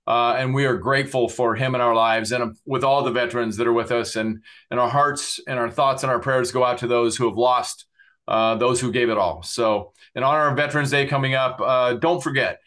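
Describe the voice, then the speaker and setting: A man's voice: medium pitch, pushed and bright. A middle-aged man hosting a podcast, earnestly thanking his guest and listeners and plugging websites, with many fillers. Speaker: podcast host.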